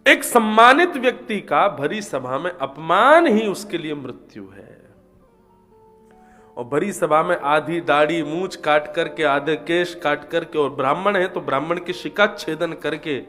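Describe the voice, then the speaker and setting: A man's voice: fairly high pitch, expressive, measured pace, pushed and bright, faint music behind. A man telling a scripture story in a devotional discourse, voicing the characters and chanting verses.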